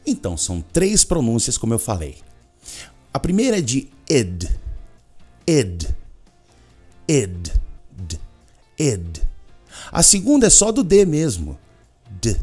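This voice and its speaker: A Brazilian man teaching English in an energetic video lesson, with a Brazilian Portuguese accent, repeating words over and over as drills. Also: fairly low pitch.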